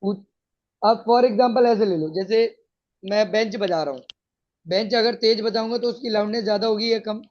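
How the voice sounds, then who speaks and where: A man's voice: high voice, normal speed, darkish tone. A male teacher explaining a science lesson to students, patiently checking that they follow. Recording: dull lo-fi sound.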